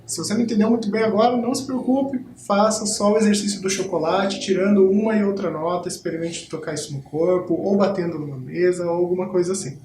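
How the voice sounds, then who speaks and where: A man's voice: high-pitched, fairly even intonation, fast talker, hardly any pauses, a little mellow, roomy sound, slight background noise. A Brazilian Portuguese-speaking man teaching a school rhythm lesson, explaining patiently and demonstrating body percussion.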